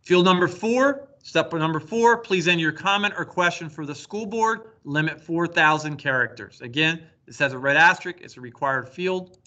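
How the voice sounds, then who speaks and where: A man's voice: fairly high pitch, normal speed, few pauses, pushed and bright. A man who works as a school district technology coordinator, giving a plain step-by-step screen-recorded walkthrough of an online form. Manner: plain step-by-step instructional delivery.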